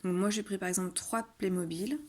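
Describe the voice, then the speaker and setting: A woman teacher patiently explaining a phonics exercise to parents, saying example words loudly and slowly. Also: lowish voice, fairly even intonation, noisy background. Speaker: kindergarten teacher. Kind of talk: home-schooling video lesson for parents.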